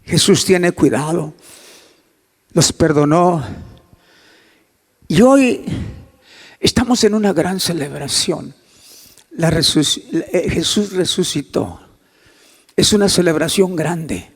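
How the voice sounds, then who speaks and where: A male pastor preaching a sermon, swinging from soft near-whispers to loud emphatic climbs and acting out dialogue in a hushed voice. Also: a little high, lively intonation, slow pace, pauses often, husky, in a large hall. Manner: acts out quoted dialogue in a hushed voice.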